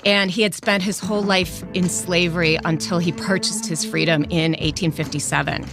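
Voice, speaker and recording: Lowish-voiced woman explaining over clear music. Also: fairly even intonation, moderate pace. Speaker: historian, interviewed expert. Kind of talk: explanatory interview talk.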